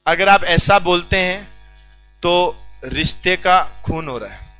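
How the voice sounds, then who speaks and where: A man's voice: sits high, takes it slowly, pushed and bright, clean tone, faint music behind, rough recording. A man teaching a class in a joking lecture style, teasing the students and talking straight to them. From India.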